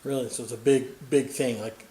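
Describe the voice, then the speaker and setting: A chatty man asks loose, rambling questions in a casual interview. He speaks at a mid pitch and slips in small jokes. His voice sounds roomy, as if recorded in an echoey room. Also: fairly even intonation, normal speed, over a noisy crowd. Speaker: host, grandson interviewer.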